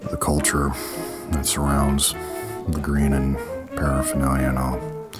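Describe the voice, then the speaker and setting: A man voicing a stoned, apathetic radio host in a comic promo, with a halting, mumbling stoner drawl. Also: very deep voice, completely flat delivery, loud music behind the voice, pitched below the performer's own voice. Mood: stoned, indifferent. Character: stoned, apathetic, slow-witted male celebrity radio host, parody.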